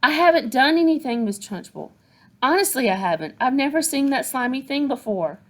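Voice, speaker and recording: A woman voicing a clever young schoolgirl who protests her innocence in a high, raised voice. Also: expressive, fairly quick. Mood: protesting. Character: clever, indignant little schoolgirl.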